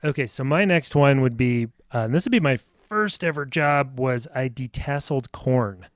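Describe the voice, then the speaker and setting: A man's voice: medium pitch, moderate pace, no room sound, clean studio sound. A middle-aged man from rural Nebraska co-hosting a casual chat, easygoing and laughing a lot. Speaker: podcast co-host.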